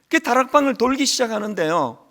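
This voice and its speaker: A man preaches a sermon, his voice sitting high and roughened by a gravelly fry. He tells stories with a lot of swing in his pitch and slips into the voices of church members as he goes. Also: sing-song, fast talker, a bit bright. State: lingering cold. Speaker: pastor.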